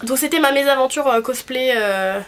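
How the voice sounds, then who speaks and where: A woman's voice: high-pitched, normal speed, a bit bright. A young woman with a blocked nose and a honking, nasal voice, chatting casually and rambling informally as a vlogger. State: congested with a cold. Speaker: cosplay vlogger. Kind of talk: casual video chat. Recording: clearly noisy background.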